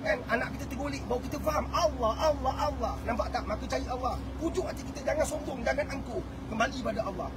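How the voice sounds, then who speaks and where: A man's voice: extremely high pitch, fast, few pauses, very noisy. A man with a Malaysian Malay accent, giving a fiery family-themed preaching talk full of rhetorical questions. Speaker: motivational family speaker.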